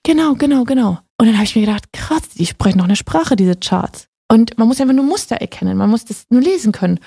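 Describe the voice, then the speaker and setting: A woman's voice: a little high, lively intonation, fast talker, vocal fry, dark tone, husky, no echo, studio quality. A woman guest on a radio talk show who tells her story with enthusiasm, often agreeing with "genau". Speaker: podcast guest, investor. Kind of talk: casual radio interview.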